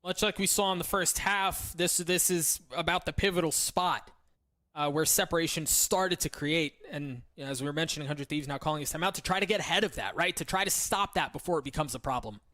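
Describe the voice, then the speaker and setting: A man giving live esports play-by-play as a caster, in a delivery built for excited calls. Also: a little high, fairly quick, no room sound. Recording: game gunfire and clicks behind voice.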